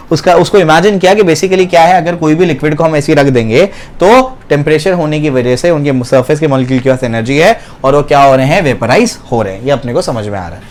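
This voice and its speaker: Male chem teacher, bit high voice, keeps asking "clear hai?" and answering his own questions. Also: a little mellow. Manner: repeats questions and answers them himself, keeps checking understanding; uses everyday home examples. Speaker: chemistry teacher. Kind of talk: classroom lecture.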